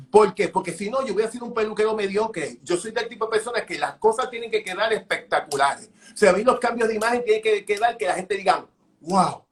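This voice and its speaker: High-voiced animated man telling stories. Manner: animated, acts out dialogue, repeats words. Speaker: hairdresser. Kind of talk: storytelling interview chat.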